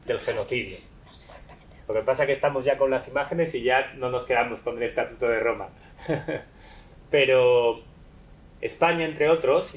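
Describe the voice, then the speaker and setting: A man calmly explaining in a conversational talk, hesitant with many fillers and restarts. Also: medium pitch, a little hiss or hum, low-quality recording.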